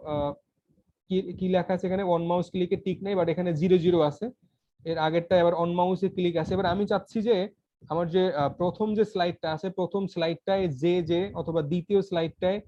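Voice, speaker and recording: A man's voice: sits high, mellow. A man teaching a casual computer tutorial, talking informally with many fillers and restarts. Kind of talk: casual screen-recorded tutorial. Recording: dull lo-fi voice recording.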